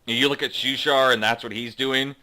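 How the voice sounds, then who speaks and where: Bright-voiced man running a tabletop game. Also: mid-range voice, fairly even intonation. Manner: slow dramatic read-aloud narration, then halting casual asides. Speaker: game master. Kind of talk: narrating a tabletop game online.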